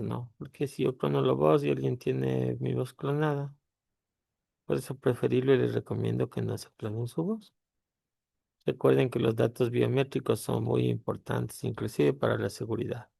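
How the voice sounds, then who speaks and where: Un hombre con la voz áspera y crujiente, que explica un programa paso a paso con muchas pausas. La grabación es seca, sin eco de la sala. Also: male voice, medium pitch, fairly even intonation, gravelly, mellow, husky, no room sound, studio quality. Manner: halting explanation, pausing with tag questions. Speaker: tutorial host. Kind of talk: screen-recorded software tutorial.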